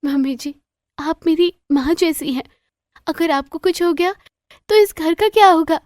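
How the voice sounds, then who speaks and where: A woman voicing a meek, polite young daughter-in-law in a cartoon story, speaking gently. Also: very high-pitched, measured pace, no room sound, studio quality, pitched above the performer's own voice. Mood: tearful. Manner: gentle, pleading. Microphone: dry close voice-over.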